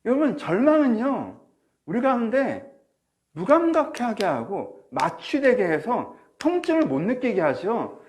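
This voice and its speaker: A man's voice: very high-pitched, sing-song, measured pace. A male pastor preaching a sermon through a face mask, slightly muffled, addressing listeners directly with questions and acting out inner thoughts. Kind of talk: sermon to a congregation, preached online. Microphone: speaking through a face mask.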